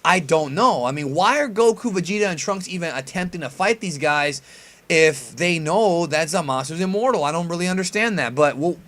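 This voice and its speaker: A man's voice: on the high side, expressive, normal speed, fairly bright tone. Casual guy doing anime fan commentary. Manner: informal, mildly profane slang. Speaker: host reacting to an anime preview.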